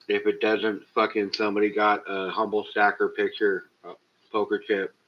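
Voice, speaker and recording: Through the dull, lo-fi sound of a cheap built-in webcam mic, a livestream host talks straight to his chat in a casual stream. His lowish voice is flat and moderately paced, and he swears heavily, sounding exasperated.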